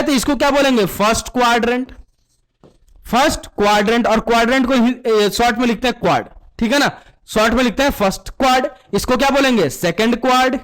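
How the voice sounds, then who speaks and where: A very high-pitched, somewhat bright man runs a math class in Hindi mixed with English terms. He repeats one question again and again and then answers it himself, calling his students "beta" throughout the call-and-response lesson.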